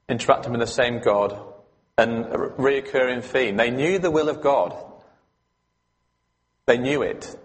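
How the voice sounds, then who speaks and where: A man preaching a sermon at a mid pitch, leaning into his points and putting questions to the congregation. His voice carries a long reverb from the hall around him. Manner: conversational, emphatic, asks the congregation questions.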